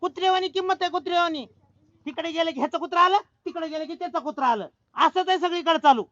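A man with a very high, sharp, bright voice, playing a boastful villager in a comedy sketch. He talks in rustic style and shouts when he panics. The sound is dry and a little dull. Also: fast, no room sound. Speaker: comic actor.

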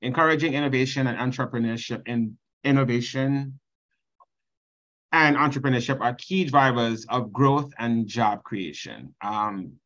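A man's voice: mid-range voice, moderate pace, a bit bright. Trinidadian man, 30s, earnest conference presenter over a slightly muffled video call. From Trinidad and Tobago. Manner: earnest, reads slide text then explains.

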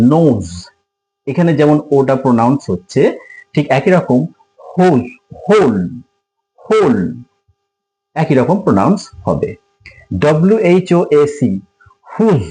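A man's voice: fairly high pitch, mellow, low-quality recording. A man giving an English pronunciation lesson, spelling words letter by letter and then repeating each sound. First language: Bengali. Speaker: English tutor. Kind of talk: spoken language lesson at a board.

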